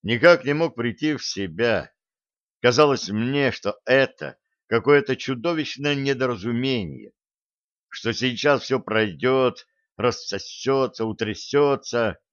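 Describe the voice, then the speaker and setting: Man, audiobook narrator, first-person, measured, mid-pitched, dry close sound, slightly muffled. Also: no echo.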